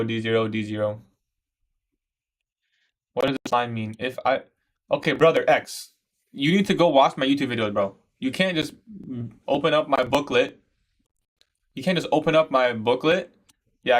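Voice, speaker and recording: A man speaks at a moderate pace in a medium pitch, pausing often. Twenty-one and from Iraq, he runs a live trading stream, narrating his trades and chatting with viewers in relaxed slang, calling them "bro."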